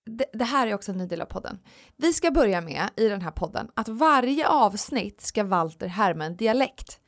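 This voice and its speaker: Rambling, lively woman podcast host. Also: medium pitch. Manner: lively and rambling, many fillers. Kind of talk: casual chat. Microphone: studio podcast mic.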